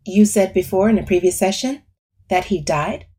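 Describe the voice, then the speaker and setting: A woman voicing a gentle, probing female therapist who asks questions in a soft voice. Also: mid-range voice, lively intonation, normal speed, slightly rough.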